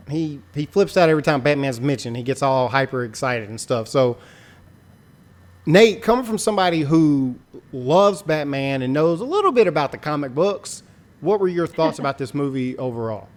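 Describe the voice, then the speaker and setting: A man's voice: on the high side, expressive, moderate pace. A man hosting a casual podcast, introducing guests in a loose, jokey way with plenty of fillers. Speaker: podcast host.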